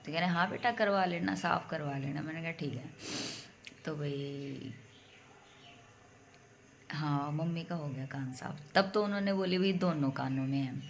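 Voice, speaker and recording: Low, gravelly woman telling a home story. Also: moderate pace, long pauses, a little hiss or hum. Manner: chatty, addresses viewers as bhai. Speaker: vlogger. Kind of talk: casual storytelling vlog.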